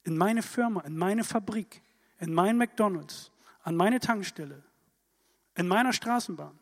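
A man preaching a sermon in a lively, emphatic way, full of rhetorical questions. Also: sits high, unhurried. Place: church hall. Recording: church hall reverb.

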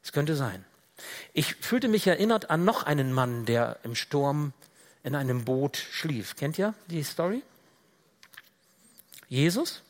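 A man preaching a sermon in a casual, conversational way, often dropping to quiet, low tones for emphasis. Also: expressive, slow, long pauses. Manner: rises and gets louder when reading out dramatic Bible quotes.

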